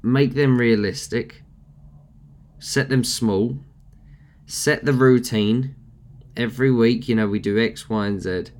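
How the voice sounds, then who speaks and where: A man's voice: mid-range voice, slow pace, long pauses, darkish tone. A young man with a nasal voice, hosting a casual motivational rant and speaking bluntly with frequent swearing. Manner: blunt, swears freely, chatty. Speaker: podcast host.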